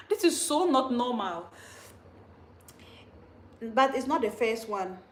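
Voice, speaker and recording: A woman, a Dagaare speaker, casually teaching vocabulary on a livestream, repeating words slowly and laughing at herself often. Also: on the high side, sing-song, roomy sound. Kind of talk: casual spoken language lesson.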